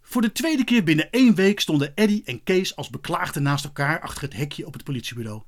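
A man narrating a children's story as an expressive, lively audiobook reading. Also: fairly high pitch, fairly quick.

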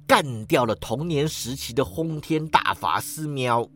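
A man's voice: medium pitch, lively intonation, unhurried, a bit bright. A man voicing a smug meowing orange cat. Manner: ends lines with a meow, drawling. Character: smug lazy male talking orange cat.

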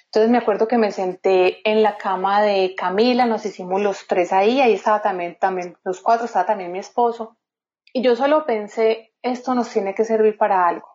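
A woman's voice: mid-range voice, steady tone, fairly quick, darkish tone. Earnest woman telling her story, dull sound. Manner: earnest, heartfelt. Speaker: interview guest. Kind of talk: personal storytelling.

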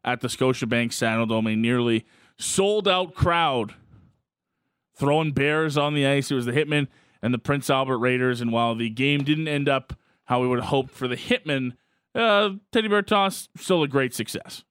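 A man's voice: mid-range voice, moderate pace, a bit bright, clear, resonant tone, no room sound, studio quality. A man hosting a sports radio show.

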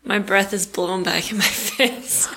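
A woman co-hosting a podcast in casual chat, her voice hoarse, telling stories with a laugh. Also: mid-range voice, fairly even intonation, measured pace, bright, forceful tone. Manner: laughing, chatty storytelling. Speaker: podcast co-host. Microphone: studio mic with pop filter.

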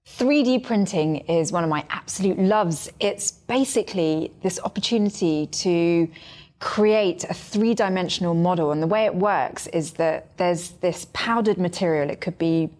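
A woman's voice: lowish voice, normal speed, a little mellow. A woman hosting a science chat, eagerly explaining how things work and asking questions. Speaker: host. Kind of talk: conversational radio chat.

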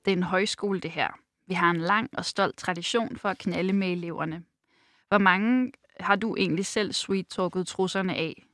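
A woman reading a first-person novel aloud in a measured, unhurried way, then talking about the book. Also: fairly low pitch, steady tone, fairly bright tone, no room sound, clean studio sound. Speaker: reader and book discussant.

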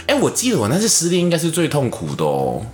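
A man with a Taiwanese Mandarin accent, co-hosting a casual podcast chat and telling animated stories. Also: fast talker. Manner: animated storytelling, acts out quotes in a high voice. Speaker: podcast co-host. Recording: echoey room with faint music.

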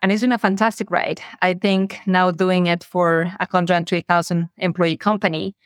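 A Mexican woman, a native Spanish speaker with a Mexican accent, appears as a podcast guest and earnestly, reflectively recounts her career as a revenue operations director in an interview conversation. Her fairly low voice is steady and normally paced, recorded in clean studio sound with no echo.

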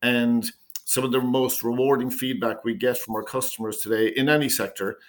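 Founder man explaining his product steadily. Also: steady tone. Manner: measured pitch, repeats words when starting phrases. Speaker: company founder. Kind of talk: business interview answers.

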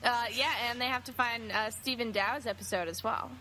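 A woman's voice: a little high, fairly quick, sharp tone, slight background noise. A woman co-hosting a podcast, telling a chatty anecdote in casual conversation. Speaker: podcast co-host. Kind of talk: casual chat.

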